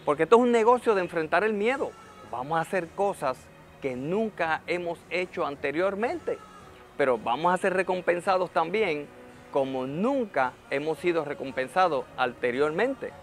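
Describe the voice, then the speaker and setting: A man giving motivational advice in a vlog, warmly encouraging the viewer and calling them friend. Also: fairly high pitch, lively intonation, normal speed, faint music behind. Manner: acts out nervous beginners' voices in quotes. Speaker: network marketing motivational speaker. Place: hotel, ends showing a rooftop view.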